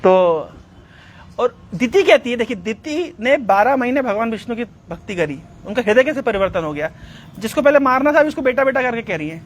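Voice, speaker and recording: A man giving a devotional talk, retelling scripture as a lively story and slipping English words into his speech. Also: very high-pitched, fairly quick, slight background noise. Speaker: religious speaker.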